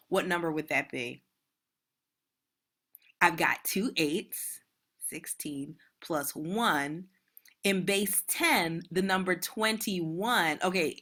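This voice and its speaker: Bright-voiced chatty woman math teacher. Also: on the low side. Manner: casual, chatty, talks straight to students. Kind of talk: online math lesson.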